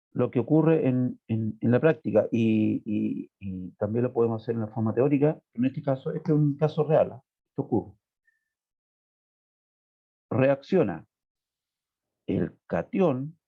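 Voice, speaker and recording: A man teaching chemistry at an unhurried pace. He walks through each step and keeps checking that his students follow. His voice comes over a thin, phone-like video call line. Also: medium pitch. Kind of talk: online class lecture.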